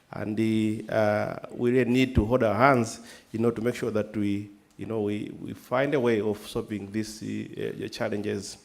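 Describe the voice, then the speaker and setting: Gravelly emphatic man from Malawi. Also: lowish voice, darkish tone. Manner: emphatic, earnest, many "you know" fillers. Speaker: moderator. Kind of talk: conference panel moderation. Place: conference hall.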